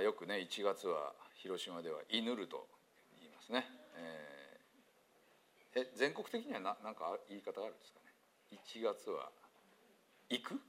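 A man from Hiroshima with a Hiroshima accent, a pastor giving a chatty sermon full of fillers. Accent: Hiroshima Japanese. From Hiroshima, Japan. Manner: chatty, many fillers, lively pitch swings. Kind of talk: casual sermon talk with quiz review.

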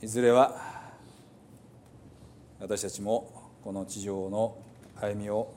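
Soft-spoken man praying. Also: lowish voice, little pitch movement. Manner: soft, slow and reverent. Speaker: pastor. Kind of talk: spoken prayer.

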